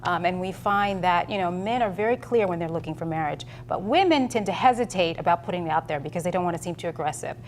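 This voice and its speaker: Casting: female founder guest, brisk delivery, faint room ambience. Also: lively intonation, slight background noise. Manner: fluent, pitching, asks "right?" often. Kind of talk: interview answers.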